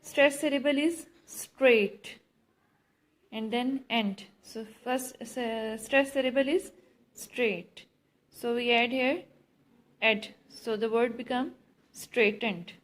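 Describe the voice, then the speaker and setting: Slow, high-voiced Indian woman teaching. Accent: Indian English. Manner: slow, deliberate, repeats and quizzes students; mixes Hindi and English. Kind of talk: classroom grammar lesson.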